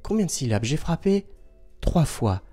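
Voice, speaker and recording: Guy teacher talking real slow to little kids, breaks words into syllables, faint music behind. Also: on the high side, big pitch swings, mellow. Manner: patient, spells out syllables and counts down slowly. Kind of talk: slow, patient lesson for young children.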